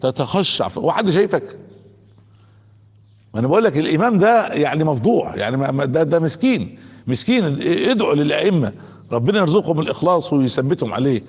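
A man's voice: a little high, big pitch swings, fast talker, darkish tone, husky. A man with an Egyptian accent preaching a colloquial sermon, throwing rhetorical questions at his listeners and often restarting his words. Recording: dull sound with long hall reverb.

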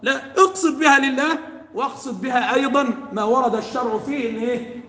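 A quick, high-pitched man with an Egyptian accent teaches a religious lesson, firing questions at his listeners and letting them finish his sentences. His voice rings out through a large, echoey hall with a long reverb. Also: sharp tone. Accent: Egyptian Arabic. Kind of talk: religious lesson to a live audience.

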